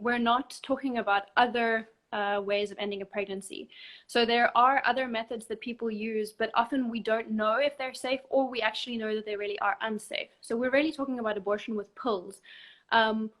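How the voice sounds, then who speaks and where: A woman with a fairly high voice speaks as a guest in a live online chat. She explains things calmly and methodically, one step at a time, in a measured instructive way. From South Africa. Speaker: abortion help desk counsellor, guest expert.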